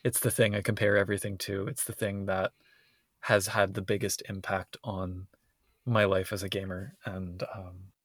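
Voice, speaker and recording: A man's voice: low voice, little pitch movement, moderate pace, no echo, studio quality. A man co-hosting a podcast in casual conversation, recorded inside a closet at home. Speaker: podcast co-host.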